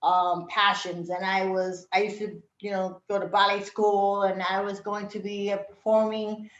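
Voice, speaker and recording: A middle-aged interview guest, Puerto Rican-born and Brooklyn-raised, reminisces at a moderate pace in an ordinary-pitched voice, reflective and relaxed, laughing often and using plenty of fillers. The sound is roomy and slightly dull.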